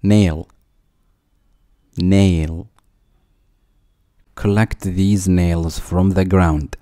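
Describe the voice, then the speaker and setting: Each word gets said twice, followed by an example sentence, as a man with a low, mellow, steady voice reads a vocabulary list very slowly and deliberately. The recording is dry, close and echo-free.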